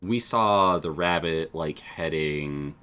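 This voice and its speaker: A man's voice: very deep voice, takes it slowly, bright, forceful tone, smooth. A man playing in a tabletop game, casual and enthusiastic as he plans routes. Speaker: player.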